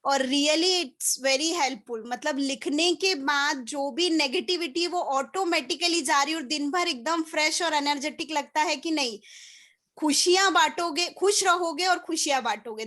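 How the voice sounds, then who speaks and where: A high-voiced woman joins an online workshop over a video call and shares her experience. She sounds upbeat and cheerful, with a few hesitant fillers. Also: a bit bright. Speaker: workshop participant. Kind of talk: sharing a personal experience.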